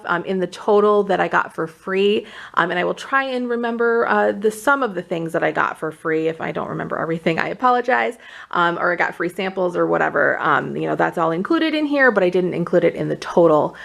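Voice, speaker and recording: Woman, mid-range pitch, creaky, a bit short of breath, informal beauty vlog chat, product rundown. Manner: informal, conversational. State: slightly out of breath from pregnancy. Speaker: beauty vlogger presenting used-up products. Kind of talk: casual chatty product rundown to camera.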